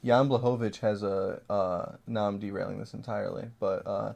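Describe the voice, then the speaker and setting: A man's voice: fairly low pitch, steady tone, normal speed, gravelly, darkish tone. A man co-hosting a casual podcast, telling rambling stories full of fillers and swearing. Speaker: podcast co-host. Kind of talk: casual chat.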